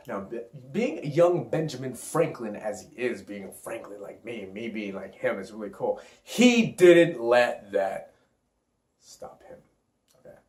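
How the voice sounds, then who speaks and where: A man's voice: on the low side, moderate pace, a little mellow. A man who works as a self-awareness coach, talking in a rambling, profane, hyped-up motivational vlog. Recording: roomy echo.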